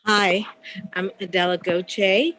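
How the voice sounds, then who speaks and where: A woman from New Orleans, an actress, introducing herself in an unhurried way over a video call. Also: medium pitch, fairly even intonation, a bit bright. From New Orleans, Louisiana. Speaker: nominated actress. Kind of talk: self-introduction.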